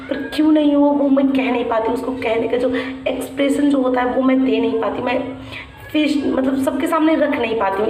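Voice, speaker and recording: A young woman vlogger with a high voice worn by a sore throat speaks softly and haltingly to her viewers from a room at home. Her personal vlog is reflective, with frequent restarts using "matlab". The room echoes, the mic is at a distance, and there's a faint hum.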